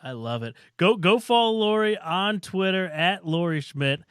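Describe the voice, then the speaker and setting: A man's voice: high-pitched, expressive, normal speed, a bit bright, clear, resonant tone, no room sound, clean studio sound. A man co-hosting a sports radio show, upbeat and hyping up his guest in casual chat.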